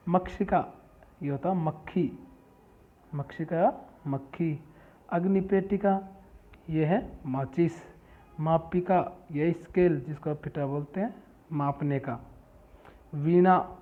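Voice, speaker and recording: A man teaching a school Sanskrit lesson in Hindi, reading each word and its meaning and repeating it back as a question. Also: fairly high pitch. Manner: reads terms slowly one by one. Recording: tinny phone-like sound.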